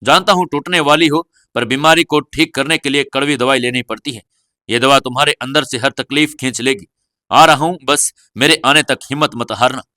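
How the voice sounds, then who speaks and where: A narrator voicing a teasing, protective husband. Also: male voice, medium pitch, normal speed, no echo, studio quality, lightly acted. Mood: tender. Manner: warm teasing, coaxing.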